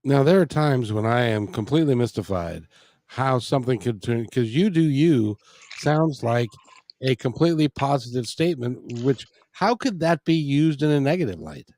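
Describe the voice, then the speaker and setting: A man's voice: mid-range voice, lively intonation, normal speed, a little mellow, dry recording, clean studio sound. A man hosting a casual interview, earnest, often repeating words as he starts a thought. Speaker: interview host.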